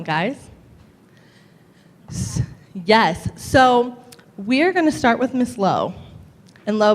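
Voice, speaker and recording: Upbeat woman hosting a live panel. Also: medium pitch. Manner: upbeat, emphatic, repeats words for stress. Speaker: panel host. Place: live event venue. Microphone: handheld microphone. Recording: reverberant hall.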